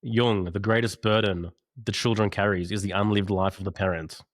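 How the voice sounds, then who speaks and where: Earnest guy on a video call, really low voice, dry sound, tells stories. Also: fairly even intonation, moderate pace, no echo. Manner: earnest, storytelling. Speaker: podcast guest. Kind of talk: casual conversation.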